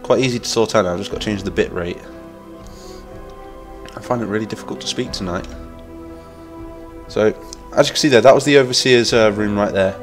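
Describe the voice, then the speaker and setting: Faint music plays as this Lincolnshire streamer, English-accented and nasal from a cold, talks in a fairly low voice, a little fast but with long pauses. He's chatty and enthusiastic, rambling while gaming and reading the chat out.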